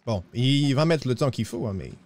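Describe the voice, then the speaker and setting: A man's voice: lively intonation, moderate pace, darkish tone, close to an everyday voice. A man playing a broke, bumbling cowboy with a put-on accent in a western roleplay, talking theatrically and tacking 'hein' onto his lines. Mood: pleading. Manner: theatrical, sliding pitch, tacks 'hein' on lines. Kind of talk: in-character roleplay.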